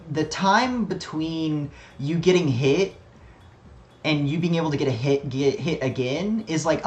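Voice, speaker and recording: A man with a fairly high voice streams a video game, giving casual, rambling commentary packed with swearing and fillers. The sound is roomy.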